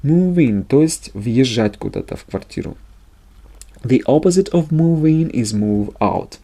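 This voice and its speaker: A man's voice: medium pitch, expressive, unhurried, dark tone. A man teaching a language lesson, reading example sentences and then translating them. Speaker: English teacher.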